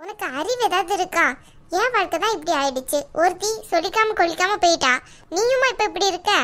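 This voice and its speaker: A fretful young village wife in a cartoon, as a woman voices her, talks in a very high, piping voice. Her tone is bright and sharp as she scolds and pleads by turns. She sounds anxious for her sister. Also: expressive, fast talker. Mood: scolding. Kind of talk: cartoon dialogue.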